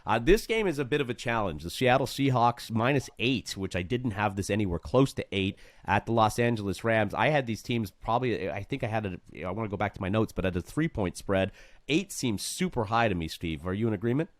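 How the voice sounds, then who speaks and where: Low-voiced emphatic man talking betting picks. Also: expressive, fairly quick, no echo. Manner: emphatic, asks rhetorical questions and repeats for effect. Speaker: sports betting show host. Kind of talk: casual betting-picks chat.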